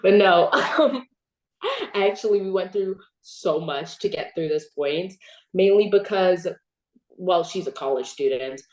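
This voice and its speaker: Animated teenage girl host, roomy sound. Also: fairly low pitch, a little slow. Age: teens. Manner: animated, storytelling, laughs often. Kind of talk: casual chat.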